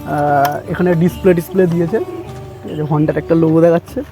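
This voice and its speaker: A man's voice: on the high side, steady tone, normal speed, music in the background. A young man vlogging casually to his viewers, telling a story in a chatty way and often calling them brother. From West Bengal, India. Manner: chatty, keeps saying "bhai" and "thik ache". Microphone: handheld camera, self-filmed.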